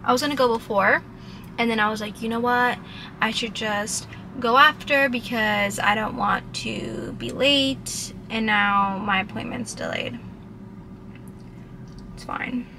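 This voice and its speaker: In a noisy setting, a young woman with a slightly high voice speaks at a measured pace. She's vlogging casually, rambling and using fillers as she talks to the camera at home in the kitchen and later in her parked car.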